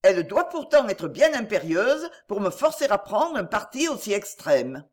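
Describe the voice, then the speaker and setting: A grave, troubled doctor, voiced by a woman narrator. He speaks solemnly and keeps his words restrained, with sorrow underneath. The storybook reading stays lively in pitch. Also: moderate pace.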